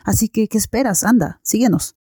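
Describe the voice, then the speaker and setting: A young woman with a Latin American Spanish accent, hosting a podcast and telling a story in a chatty, animated way. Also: on the high side, fairly quick, slightly rough, no room sound, studio quality. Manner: chatty, animated, acts out friends' voices. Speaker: podcast host. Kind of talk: casual storytelling monologue.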